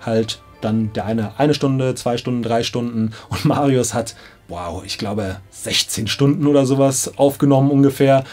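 Speaking at a moderate pace, this man in his thirties has a mid-range, somewhat mellow voice. He's an audiobook director giving a casual, enthusiastic, slangy explanation to camera in a small studio control room, music playing behind him.

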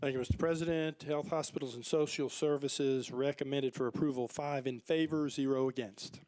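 A man's voice: mid-range voice, fairly even intonation, normal speed, darkish tone, poor audio. Councilman, clipped vote count read out, plain mid voice. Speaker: committee chair giving report. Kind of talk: brief committee report.

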